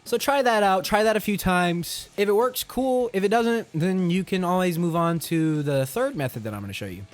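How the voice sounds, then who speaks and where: A man with a fairly high, very animated voice coaches singers in screaming. He talks informally and encouragingly, as if chatting to viewers. Music plays behind him. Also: normal speed, hardly any pauses. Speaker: vocal coach in metal screaming. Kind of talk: casual instructional talk to viewers.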